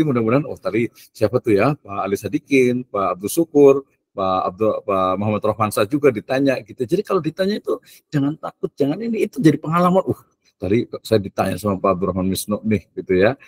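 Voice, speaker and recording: Man, lecturer, lowish voice, dry close sound, chatty and joking, drops in English phrases. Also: lively intonation, fast talker, breathy edge, no room sound. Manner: chatty and joking, mixes in English phrases, frequent filler tags. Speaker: university lecturer. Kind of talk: casual university lecture.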